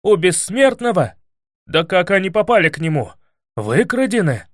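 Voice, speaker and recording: A man doing a brash, excitable young hero. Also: high voice, normal speed, no echo, clean studio sound, pitched above the performer's own voice. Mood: indignant. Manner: excitable, loud outbursts. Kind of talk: audiobook character voice.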